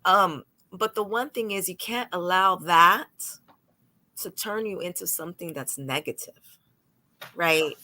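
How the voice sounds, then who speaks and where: A woman with a lowish voice, taking her time, is a New York lawyer on a panel discussion. Her storytelling is lively, and she performs the quotes of the people involved.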